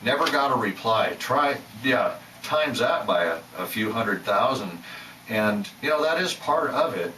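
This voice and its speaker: A man's voice: medium pitch, lively intonation, measured pace, sharp tone, recorded from a distance, slight background noise. Rambling man in an echoey room. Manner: rambling, self-doubting, many restarts. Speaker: channel host. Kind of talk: rambling casual monologue.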